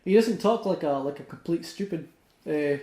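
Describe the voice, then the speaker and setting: A young man hosting a podcast, chatting casually, swearing often and ranting excitedly. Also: a little high, moderate pace, reverberant. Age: young adult. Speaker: podcast host. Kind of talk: casual chat.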